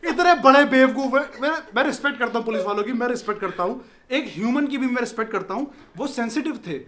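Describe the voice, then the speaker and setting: A man, telling a story in casual chat, animated, acting out voices and laughing often. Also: very high-pitched, fast talker. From Delhi, India. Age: 20s.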